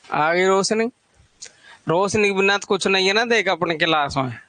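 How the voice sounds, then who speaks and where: A man with a high voice teaches a live online Hindi literature exam-prep class. He keeps the tone chatty, repeating lists of titles and teasing students by name as he goes. The recording is dry and close, with no room sound. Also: moderate pace, sharp tone, dry recording.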